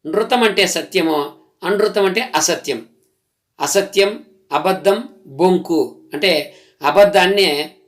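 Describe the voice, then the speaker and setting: A man gives a slow, careful grammar lesson with a slightly high voice. He names each word on its own, then stops to explain what it means. His tone stays patient and steady from start to finish. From Telugu-speaking region of India. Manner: lists words one by one, explaining each patiently. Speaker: Telugu grammar teacher.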